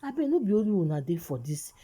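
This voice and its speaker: Husky, dark-voiced Nigerian Pidgin woman. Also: medium pitch, very animated, quick pace. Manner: exhortative, repeats phrases for emphasis. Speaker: gossip vlog host. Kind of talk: casual Nigerian Pidgin gossip commentary.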